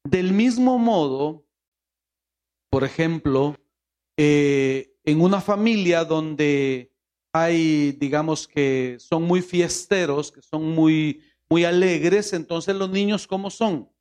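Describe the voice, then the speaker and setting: A man's voice: a little high, takes it slowly, darkish tone. A man from Honduras with a Honduran Spanish accent, a pastor who prays with pleading repetition and then preaches, asking the congregation rhetorical questions. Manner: pleading, repeating "Señor" in prayer. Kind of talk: sermon with prayer.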